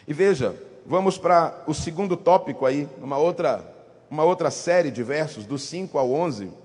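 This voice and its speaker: Male pastor, high-pitched and husky, emphatic repeated sermon cadences, recorded with long church reverb. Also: lively intonation, moderate pace. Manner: preaching with rising emphatic exclamations and repeated phrases; softens into low tender asides when voicing fatherly love. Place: church sanctuary.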